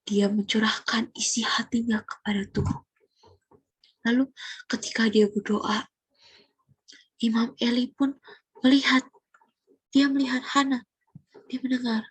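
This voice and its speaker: Young woman Sunday school teacher, husky, fairly high voice, dry close sound, animated storytelling with questions to the kids. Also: dry recording. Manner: animated, asks children questions, drops into whispers. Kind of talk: Bible storytelling lesson for children.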